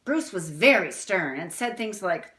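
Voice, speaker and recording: Expressive woman reading to children, roomy sound. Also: on the low side, unhurried. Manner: expressive, explanatory, child-directed. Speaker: teacher reading picture books to young children. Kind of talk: read-aloud storytelling with asides to children. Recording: roomy indoor echo.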